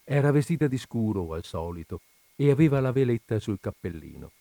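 A man narrating a classic literary story in a measured, unhurried reading, recorded close to the mic. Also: medium pitch, very animated, vocal fry, mellow, no room sound. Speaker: reader of literary stories.

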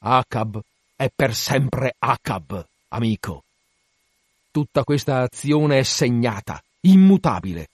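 A man's voice: medium pitch, expressive, takes it slowly, husky, no room sound, clean studio sound. A man voicing an obsessed, one-legged old whaling captain in a dramatic reading, commanding and declamatory. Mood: brooding.

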